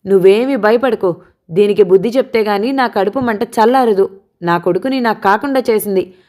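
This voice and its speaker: A woman voicing a scornful older mother who shouts, taunts and wails at her son's lover, in an audiobook. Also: mid-range voice, normal speed, natural voice. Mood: wailing, bitter. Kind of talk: audiobook character voice.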